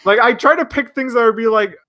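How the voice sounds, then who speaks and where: High-pitched man rambling casually. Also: fast talker, pushed and bright. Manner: rambling, many fillers. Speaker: cast member on commentary. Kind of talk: casual commentary chat.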